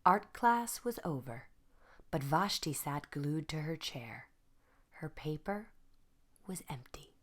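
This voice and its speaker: A woman reading a children's storybook aloud in an expressive, deliberate style, like an art teacher to pupils. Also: low voice.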